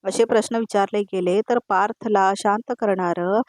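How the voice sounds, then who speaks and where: A woman voicing an anxious middle-aged mother in a serial recap, in an earnest, measured way. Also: mid-range voice, fairly even intonation, a little mellow, dry recording, close to an everyday voice. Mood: worried.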